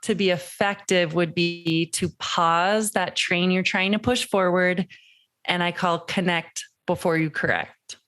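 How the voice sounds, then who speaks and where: A woman parenting coach on a podcast, explaining her advice in a lively way and dropping into a slow, soothing voice to demonstrate it. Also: fairly low pitch, clear, resonant tone. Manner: animated, acts out quoted voices.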